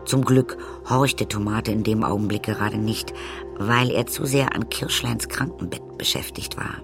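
A man narrating a children's audiobook in a lively way, speaking directly to the listeners. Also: on the low side, measured pace, creaky, music in the background. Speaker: storyteller.

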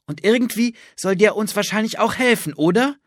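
A man voicing a cautious, doubting young boy in a read-aloud children's story, his voice raised clearly above his own. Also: sits high, animated, fairly quick, no echo, studio quality, pitched above the performer's own voice. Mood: skeptical. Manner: doubtful and a little annoyed.

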